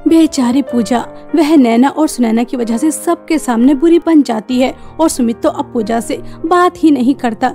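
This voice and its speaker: A woman tells a cartoon moral story in a sympathetic, steady way. Her voice is high yet mellow, with faint music behind. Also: normal speed, few pauses. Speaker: narrator. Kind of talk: scripted storytelling narration.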